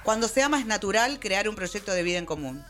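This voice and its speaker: A woman's voice: mid-range voice, animated, quick pace, fairly bright tone, faint music behind. Argentine woman hosting a casual chat. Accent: Argentine Spanish. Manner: reads out topics, then chats and laughs. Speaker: host. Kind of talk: casual group chat on a streamed show.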